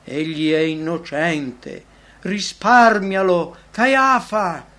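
A male narrator puts on a remorseful disciple in anguish, crying out in a hoarse, strained voice. He drags every word out slowly and loudly, pitched higher than a plain reading voice. These are desperate pleas. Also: heavily acted. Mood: despairing. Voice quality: hoarse, shouting. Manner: slow, loud cries of despair.

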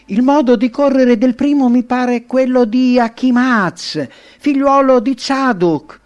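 A man's voice: very high-pitched, slow pace, dull audio, pitched above the performer's own voice. A man voicing a male sentinel on the city walls, calling out in a raised voice. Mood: alert.

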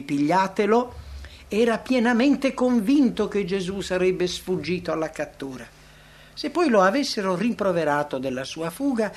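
A man reading a religious book aloud as scripted narration. His delivery is dramatic, swelling and then dropping to near-whispers at the ends of phrases. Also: high voice.

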